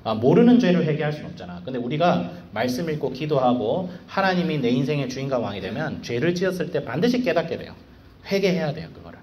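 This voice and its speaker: A man serving as a school evangelist, giving a casual devotional sermon to students in a slangy, animated way full of rhetorical questions. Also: on the high side, quick pace, a little hiss or hum.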